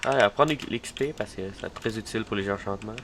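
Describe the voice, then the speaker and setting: A man's voice: on the low side, fast, creaky, a bit bright, a little hiss or hum. A man giving casual let's-play commentary, hesitant and full of fillers, talking to his character and the mobs on screen. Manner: rambling, hesitant, many fillers and restarts. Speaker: gaming video creator.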